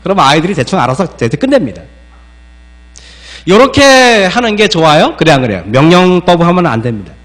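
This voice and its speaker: A man with a high voice preaches a sermon to a congregation. He throws questions at the listeners and acts out scolding parents. A faint electrical hum runs under the recording. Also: very animated, brisk, fairly bright tone. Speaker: pastor.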